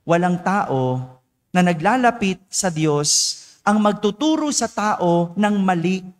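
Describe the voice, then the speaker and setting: A man's voice: sits high, lively intonation, slow pace. A man preaching a homily as parish priest, asking his congregation rhetorical questions and tagging his sentences with a questioning "no?". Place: church. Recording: long church reverb.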